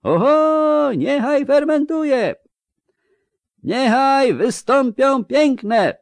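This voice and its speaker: A man's voice: fairly low pitch, big pitch swings, a little slow, darkish tone, dry recording, voice pushed up. A man voicing a portly, pompous court chamberlain who speaks formally and pedantically about etiquette. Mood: proclaiming loudly.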